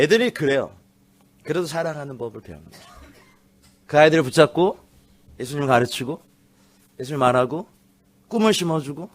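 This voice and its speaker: A man preaching a lively, humorous sermon as a guest pastor in a church, acting out people's lines as he tells stories. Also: fairly high pitch. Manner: animated, laughing storyteller, acts out teen voices. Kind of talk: lively sermon with acted quotes. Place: church sanctuary.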